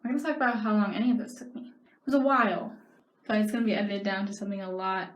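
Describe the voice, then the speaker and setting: A young woman vlogging casually while doing her makeup, rambling with quick self-mocking asides. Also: medium pitch, fairly even intonation. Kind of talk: rambling makeup vlog chat. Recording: echoey room with faint noise.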